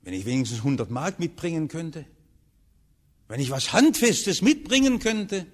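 Male pastor, high voice, emphatic sermon delivery, rising and hushing by turns. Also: big pitch swings, normal speed. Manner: emphatic preaching with strong rises and hushed drops.

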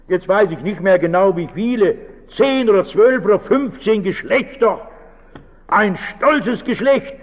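High-voiced pastor in a reverberant hall. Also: male voice. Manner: earnest, keeps asking rhetorical questions. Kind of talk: reflective talk to an audience. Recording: dull recording with long hall reverb.

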